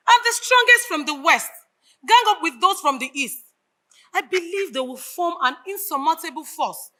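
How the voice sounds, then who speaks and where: A woman with a Nigerian accent performs as a grieving, idealistic reformer in a live stage drama, delivering measured, oratorical lines. Her voice is extremely high, pushed, bright, and exaggerated, and the mood is rousing.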